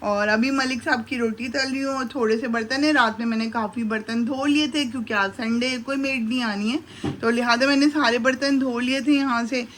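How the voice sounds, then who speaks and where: A middle-aged mother and vlogger, voice slightly high, steady and fairly bright, talks a little fast while cooking breakfast in her home kitchen. Filmed on a handheld camera with slight background noise, she narrates casually to viewers and speaks fondly to her sons.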